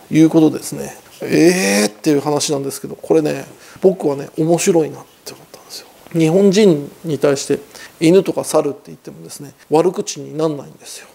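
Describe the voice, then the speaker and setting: A man's voice: fairly high pitch, gravelly, mellow. A man hosting a casual news commentary, chatty and opinionated, with a lilt and rhetorical questions.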